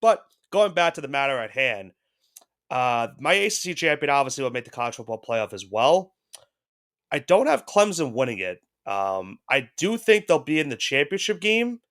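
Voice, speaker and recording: Head cold and all, a sports podcast co-host chats loosely in a mid-range voice with a fairly bright tone. He rambles, frequently starting over and hedging his points.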